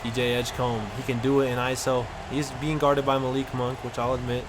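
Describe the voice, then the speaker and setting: A man giving casual, excited play-by-play commentary over a basketball video game, with slang in his talk. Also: medium pitch, brisk, noisy background. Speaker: gaming content creator.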